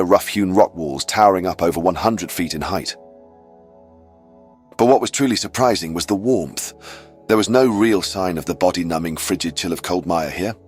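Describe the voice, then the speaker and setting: A man narrating a scripted fantasy adventure recap as a storyteller given to wry, chatty asides. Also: low voice.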